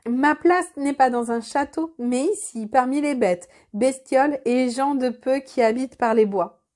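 Brief: grieving but wise vixen, read by a woman, calm and dignified storybook voice, high. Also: a little slow. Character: female fox, grieving mother, wise and dignified.

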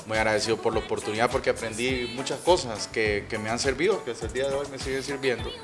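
A man's voice: mid-range voice, steady tone, over music. Polished Honduran announcer man. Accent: Honduran Spanish. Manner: measured, polished announcer delivery. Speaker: radio announcer and guest. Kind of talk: interview answers. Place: TV set in a betting lounge. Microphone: handheld mic.

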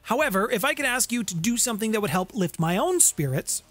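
Fast and sing-song, his high-pitched voice fairly bright, a middle-aged tabletop lore channel host runs through a scripted game-lore explainer with theatrical playfulness. He sits close to a studio condenser mic with a pop filter in an indoor home room with guitars, with no echo and background music.

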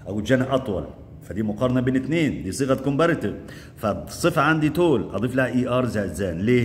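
A man teaching English grammar in Egyptian Arabic. He asks quick questions and answers them himself, and he drills the word forms aloud. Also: lowish voice, long reverb tail, slight background noise. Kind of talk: classroom grammar lesson.

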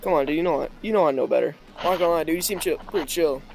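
A man's voice: a little high, very fast, creaky, darkish tone, rough recording. A man talking to a stranger on a video chat, blunt and crude but laid-back, calling everyone dude.

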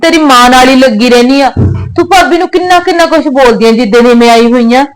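Young actress as high-pitched Punjabi daughter, tearful and pleading, then reproachful. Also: female voice, fast talker, smooth, close to an everyday voice, poor audio.

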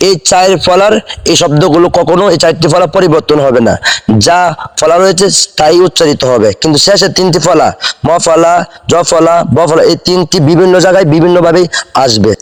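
A man giving a slow spelling lesson, repeating each word and asking if the viewer understood. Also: high voice. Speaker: teacher. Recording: long hall reverb.

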